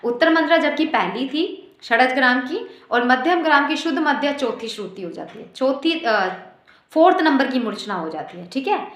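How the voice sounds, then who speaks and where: A woman's voice: high voice, expressive, moderate pace, fairly bright tone, echoey room. A woman music teacher explaining exam material step by step, reciting note names in sequence. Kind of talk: exam-prep music lesson.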